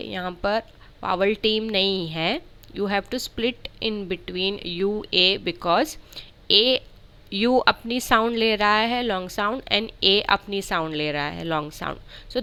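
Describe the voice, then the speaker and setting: A woman's voice: mid-range voice, a bit bright, smooth. A woman with an Indian English accent teaching a spelling lesson, explaining each word step by step and drawing out the words she spells.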